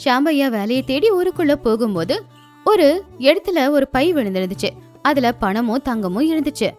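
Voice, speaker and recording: High-voiced woman narrating a story. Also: animated, normal speed, darkish tone, soft background music. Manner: clear, storytelling.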